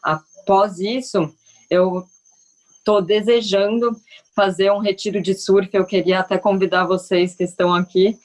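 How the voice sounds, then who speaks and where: Woman surf teacher as podcast guest, earnest and hesitant, mid pitch. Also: rough recording. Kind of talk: casual podcast chat.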